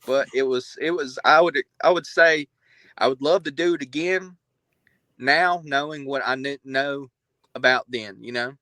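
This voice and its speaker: A man of thirty telling stories as a podcast guest in a loose, relaxed, conversational way. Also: medium pitch, measured pace, no room sound, low-quality recording. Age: 30s. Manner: laid-back storytelling, loose and conversational. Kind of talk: casual chat.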